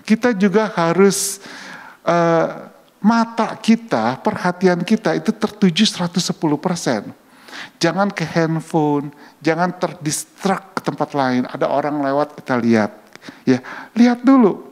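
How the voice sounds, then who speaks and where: A man giving a conversational church talk on public relations, often checking in with his listeners with quick rhetorical questions. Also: on the high side, animated, a little mellow. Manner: chatty, keeps asking "ya kan?" to the audience. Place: church hall. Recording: long hall reverb.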